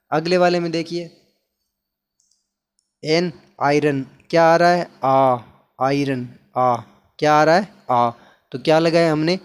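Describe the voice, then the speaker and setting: A male teacher with an Indian accent explaining grammar, repeatedly asking questions and answering them himself. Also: on the high side. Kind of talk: classroom lesson explaining English articles in Hindi.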